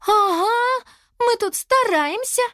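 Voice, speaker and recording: A woman's voice: measured pace, no echo, studio quality. A woman voicing a bossy, fussy young girl leader in a children's audio story. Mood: indignant. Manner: high excited exclamations.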